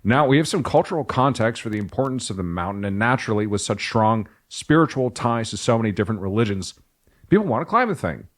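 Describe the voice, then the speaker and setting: A man co-hosting a podcast reads from his notes in a casual, jokey manner, breaking off now and then for asides. His voice is on the low side, and he talks quickly with few pauses.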